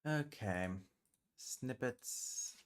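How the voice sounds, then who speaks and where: A man whose first language is British Sign Language hosts a casual livestream, muttering and thinking aloud as he works. Easily exasperated, he swears under his breath, his mid-range voice expressive, very slow, and smooth.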